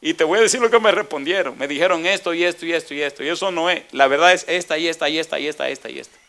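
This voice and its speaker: A middle-aged man preaching a sermon, telling stories in a lively way that swings from quiet asides to loud questions put to the congregation. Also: fairly high pitch, very fast, creaky. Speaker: pastor.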